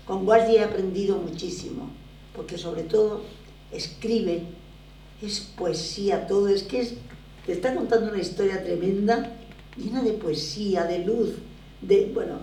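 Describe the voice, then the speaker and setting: Gravelly older woman telling stories animatedly. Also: medium pitch, normal speed. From Barcelona, Spain. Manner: animated, emphatic storytelling. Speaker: theatre producer, guest. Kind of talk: conversational interview. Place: lecture room at a drama school. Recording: echoey room, voice from far off, faint noise.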